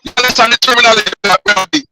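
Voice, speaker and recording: A male caller on a phone-in show, speaking haltingly and repeating words while his line breaks up with bad reception. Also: very high-pitched, very animated, vocal fry, very noisy. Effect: call breaking up with bad reception. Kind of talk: phone-in discussion.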